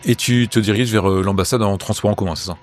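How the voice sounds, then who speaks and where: A man running a tabletop role-playing game, narrating in a halting, improvised way. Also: lowish voice, steady tone, a little hiss or hum. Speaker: game master.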